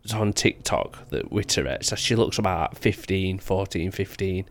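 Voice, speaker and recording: A man's voice: sits low, moderate pace. A man, bantering casually as a slangy, jokey podcast co-host.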